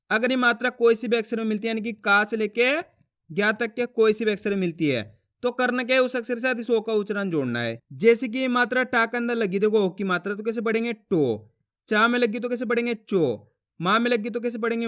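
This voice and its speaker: A man with a notably high, bright and very clean voice gives a step-by-step reading lesson. He keeps asking questions and answering them himself, and he stretches each syllable out slowly. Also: smooth. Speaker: Hindi reading teacher.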